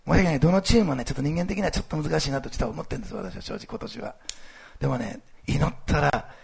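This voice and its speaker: A man speaking as a pastor, giving a casual, lively sermon with church announcements and plenty of fillers. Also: on the high side, rapid-fire. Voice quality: gravelly, husky voice. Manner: lively, animated delivery with many fillers.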